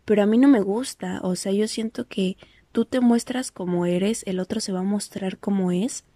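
A woman's voice: medium pitch, normal speed, mellow, dry recording. A woman from Mexico with a Mexican accent, telling a personal story in a casual monologue, full of fillers and restarts. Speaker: podcast host.

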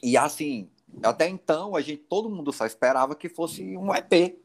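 A man co-hosting a podcast, explaining things in a measured casual chat. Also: a little high, animated, vocal fry. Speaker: podcast co-host.

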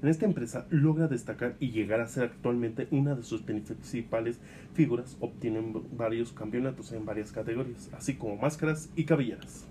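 A man's voice: mid-range voice, a little fast, background noise. A man with a Mexican accent hosting a lucha libre show, reading scripted narration in the manner of a wrestling announcer.

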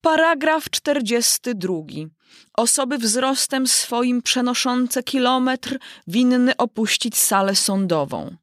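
Fussy old storybook king, slow and self-important, put on by a woman narrator. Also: on the high side, lively intonation, no echo, studio quality, voice pushed up. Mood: pompous.

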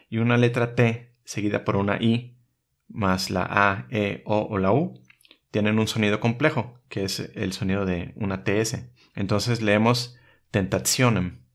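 A man, patiently teaching letter by letter in a calm lesson video. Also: lowish voice, creaky. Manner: patient, methodical, spells out letters one by one. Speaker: religious teacher.

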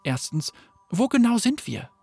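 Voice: medium pitch, very animated, unhurried, gravelly, a little mellow, no echo, soft background music. A let's player giving wry commentary and reading out the answer options of a choice-based game.

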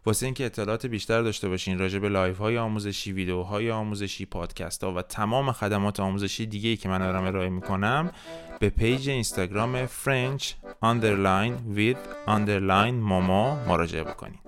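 A man hosting a podcast French lesson, modeling verb forms slowly for the listener to repeat. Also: lowish voice, a bit bright, faint music behind. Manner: slow, drilled repetition of French words for the listener. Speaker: French teacher.

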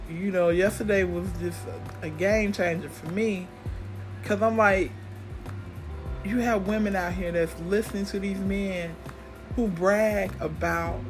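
A middle-aged American woman talks off the cuff as a solo podcast host, with music clearly playing behind her. Her voice sits at a medium-to-low pitch for a woman, and her delivery is blunt and cynical. She rambles casually and swears freely.

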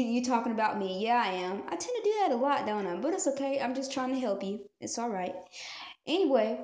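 Animated high-voiced woman, echoey room. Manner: animated, talks straight to the listener with rhetorical questions. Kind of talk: motivational direct-to-camera talk.

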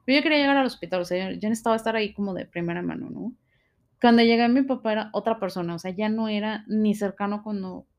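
A woman's voice: mid-range voice, darkish tone. Mexican woman telling a personal story. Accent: Mexican Spanish. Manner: emotional, frequent fillers and tag questions.

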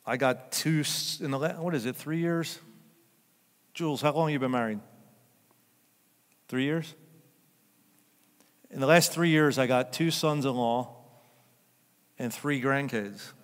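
A man's voice: medium pitch, a little slow, long pauses. Older male pastor preaching in reverberant hall. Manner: conversational, joking with the congregation, builds to loud emphatic peaks. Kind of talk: sermon. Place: church sanctuary.

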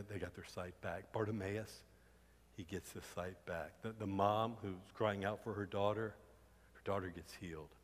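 A man preaching a sermon as pastor, moving from soft, low passages to loud, pleading cries. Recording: long hall reverb.

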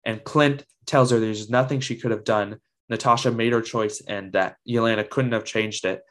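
A man's voice: on the low side, fairly even intonation, normal speed. A man reviewing a TV episode in a casual video, praising it with enthusiasm and lots of ums.

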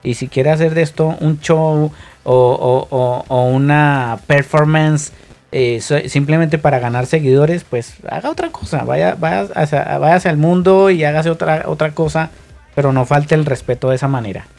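A man with a slightly high voice co-hosts a casual talk show. He speaks emphatically, scolding and repeating himself for force. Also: fairly even intonation, normal speed, gravelly, a little mellow, faint music behind. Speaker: co-host. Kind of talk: casual chat.

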